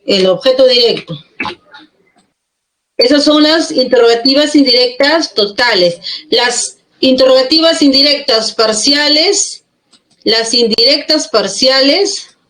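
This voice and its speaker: A woman's voice: high-pitched, expressive, measured pace, fairly bright tone. Echoey-voiced woman teaching grammar. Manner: explains step by step, asks checking questions. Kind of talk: classroom grammar lesson. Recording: echoey room.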